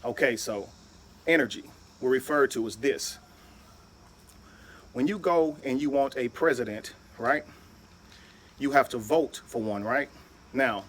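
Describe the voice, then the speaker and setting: A husky-voiced man lecturing with emphasis, spelling out words letter by letter. His pitch sits at a middling level, and he keeps checking in with his listeners. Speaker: video speaker. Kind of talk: lecture-style monologue.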